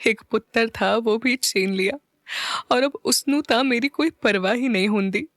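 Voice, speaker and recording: A woman voicing an older, lonely aunt with a Punjabi accent, speaking slowly and heavily in an audio story. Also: on the high side, a bit bright, no room sound, studio quality. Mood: sorrowful. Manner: slow, heavy, grieving speech.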